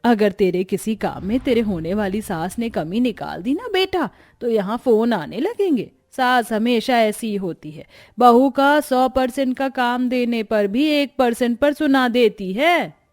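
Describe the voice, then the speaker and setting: A woman's voice: a little high, animated, unhurried, darkish tone. A woman voicing a worried middle-aged mother who lectures and teases her daughter before the wedding, in a cartoon story. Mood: lecturing. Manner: lecturing, teasing.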